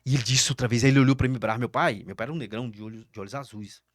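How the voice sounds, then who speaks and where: A man's voice: mid-range voice, rapid-fire, no room sound, clean studio sound. A middle-aged Brazilian man, a pastor, giving an emotional personal testimony, dramatic and repetitive as he acts out the dialogue. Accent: Brazilian Portuguese. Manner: dramatic storyteller, repeats words, acts out dialogue. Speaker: pastor, podcast guest.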